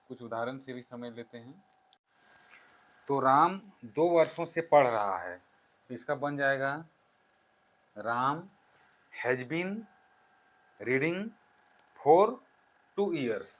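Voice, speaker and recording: Male teacher, bright voice, slow step-by-step explanations with dictated examples. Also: mid-range voice, low-quality recording. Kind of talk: classroom grammar lesson.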